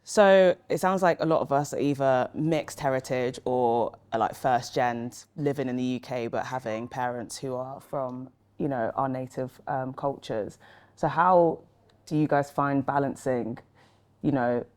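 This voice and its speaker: A young woman from Nigeria hosting a casual group chat, relaxed and quick to laugh. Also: rumbling low. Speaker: discussion host and rugby player.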